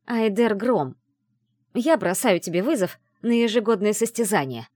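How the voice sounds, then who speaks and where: A woman's voice: fairly high pitch, big pitch swings, normal speed, darkish tone, no room sound, clean studio sound, voice pushed up. A woman voicing a hot-tempered young witch heroine who speaks in a raised, defiant voice.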